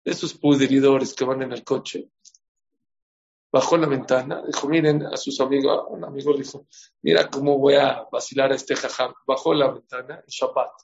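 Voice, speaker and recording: A man's voice: medium pitch, steady tone, moderate pace, gravelly, a little mellow. A man giving a sermon as a rabbi, telling stories and asking his listeners questions. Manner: storytelling, asks the audience questions. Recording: dull lo-fi recording.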